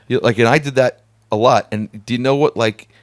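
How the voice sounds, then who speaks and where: A man hosting a casual studio conversation, talkative and animated, laughing often. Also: mid-range voice, brisk. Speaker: podcast host. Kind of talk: casual chat.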